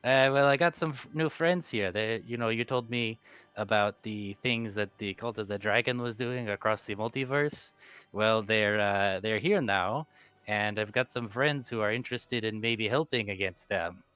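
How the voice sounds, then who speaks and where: A man plays a helpful, simple-hearted female adventurer at a tabletop game. The voice is low and informal, earnest and full of hesitations. It sounds dry and slightly dull, over music. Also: fairly bright tone, clean tone, dry recording, close to an everyday voice. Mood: friendly, unsure. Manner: halting, plain-spoken, informal. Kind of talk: tabletop role-play.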